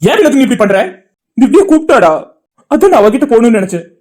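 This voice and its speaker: A woman's voice: fairly high pitch, very animated, fast, darkish tone. A woman voicing a heartbroken young man in a cartoon, speaking in anguish and guilt. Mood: despairing. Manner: anguished, pleading speech.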